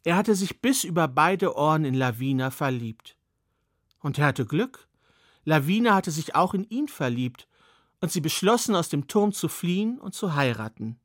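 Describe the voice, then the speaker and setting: A man's voice: fairly high pitch, very animated, normal speed, dry recording, clean studio sound. A man telling a fairy tale in a personal storytelling manner with occasional asides.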